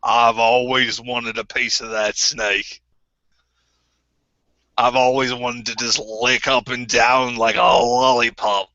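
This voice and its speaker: A man at medium pitch talks slowly with little pitch movement, his voice pushed and bright in a dry, dull lo-fi recording. He plays a bitter, crude former group member, using a put-on New Zealand accent and rambling with stammers.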